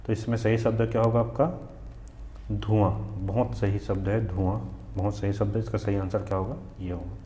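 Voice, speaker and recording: A Hindi teacher from Chhattisgarh with a regional accent drills exam spellings, asking questions and answering them himself. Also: male voice, on the low side, little pitch movement, moderate pace, mellow, echoey room, slight background noise. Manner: repetitive drilling, asks then answers himself. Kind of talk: spelling lesson for exam students.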